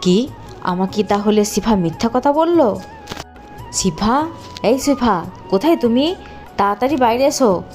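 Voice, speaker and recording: A woman voicing a doting, hot-tempered village father in a cartoon, talking in a loud, emotional way. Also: fairly high pitch, animated, unhurried, long pauses, soft background music. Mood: angry. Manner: shouting, emotional. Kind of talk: cartoon voice acting.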